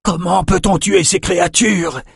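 A man's voice: high-pitched, measured pace, vocal fry, slightly rough, no room sound, clean studio sound, voice pushed up, full character voice. A man doing an urgent young wizard.

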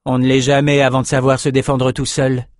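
A man's voice: medium pitch, monotone, a little fast, no room sound, studio quality, pitched above the performer's own voice, close to an everyday voice. A man voicing a cold, stern young sorceress who speaks curtly and icily. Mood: cold firm. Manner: curt and icy.

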